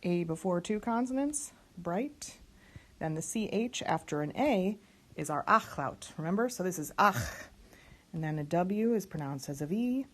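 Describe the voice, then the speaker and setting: Slow, careful woman teaching diction. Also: on the low side, expressive. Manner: slow, careful, spells out sounds and letters. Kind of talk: online diction lesson.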